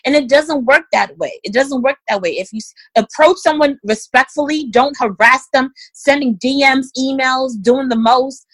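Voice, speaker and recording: A woman's voice: sits high, normal speed, hardly any pauses, no room sound, poor audio. Direct, emphatic woman giving career advice. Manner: direct, emphatic, addresses listeners as guys and ladies.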